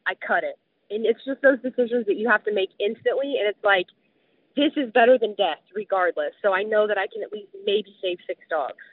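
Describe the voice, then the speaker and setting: A guest recounts how she survived a close call, telling it vividly and casually with plenty of "like" fillers. Her mid-range voice moves a little fast. The sound is dry and tinny, much like a phone.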